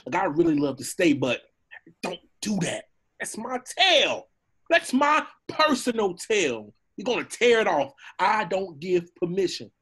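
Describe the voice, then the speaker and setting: Nervous, husky motormouth donkey played by a man. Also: high voice, expressive, normal speed. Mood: panicked protesting. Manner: babbling, pleading, stammering protests. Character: nervous fast-talking male talking donkey, pleading and jabbering. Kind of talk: comic animated-film character acting.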